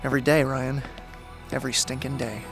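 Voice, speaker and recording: A man's voice: medium pitch, little pitch movement, brisk, vocal fry, music in the background, lightly acted. A male actor playing a loyal, wary teenage boy on the run in an audio drama. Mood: weary.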